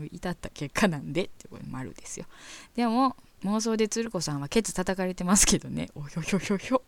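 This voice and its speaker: A woman's voice: fairly low pitch, darkish tone, no room sound. A woman with a Kansai accent hosting a show, chatting frankly and reading listener letters aloud, often breaking into giggles. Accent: Kansai Japanese. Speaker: radio host reading listener mail.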